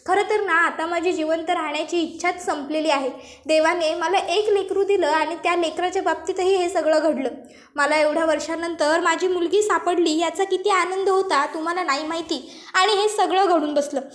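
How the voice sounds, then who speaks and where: A woman's voice: very high-pitched, steady tone, normal speed. A woman voicing a grieving, distraught middle-aged mother who laments her lost daughter in a story retelling. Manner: lamenting, pleading. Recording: roomy echo.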